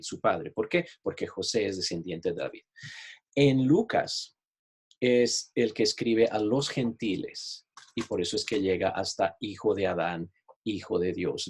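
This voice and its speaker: A man's voice: lowish voice, a little mellow, slightly rough. A man giving a Bible study lesson, explaining patiently and often checking in with his listeners. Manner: explanatory, repeats "¿ok?" to check understanding; shares screen while teaching, online class. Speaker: Bible teacher.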